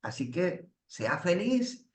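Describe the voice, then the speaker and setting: A man's voice: high-pitched, sing-song, takes it slowly, full character voice. A man voicing a wise royal minister who formally reassures his king. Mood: reassuring. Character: wise calm male royal minister giving counsel. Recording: roomy echo.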